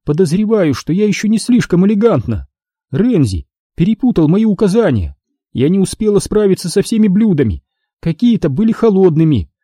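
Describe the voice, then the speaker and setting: A sardonic young woman, quick to anger and dry in her humor, voiced by a male narrator. The voice is lifted well above his own and swings widely in pitch. It sounds close and dry. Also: very animated, mellow, breathy edge, no room sound, exaggerated voice. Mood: sullen. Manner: indignant, sardonic. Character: sharp-tongued young woman, café owner's daughter. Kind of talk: audiobook reading.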